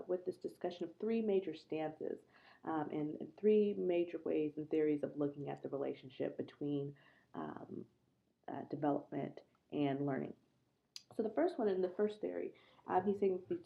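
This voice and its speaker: A woman's voice: sits low, vocal fry. A woman giving a recorded online lecture through a laptop microphone. Her voice sounds hollow and muffled, as if she were at the bottom of a well. She talks in a conversational, earnest way and often stops to ask the class questions. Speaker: instructor.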